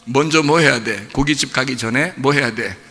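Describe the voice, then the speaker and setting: A male pastor preaching a sermon in a blunt, joking way, with sudden shouts and chuckles. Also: mid-range voice, moderate pace, long reverb tail. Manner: animated, bursts into shouts, chuckles; blunt casual banter with the congregation. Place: church sanctuary.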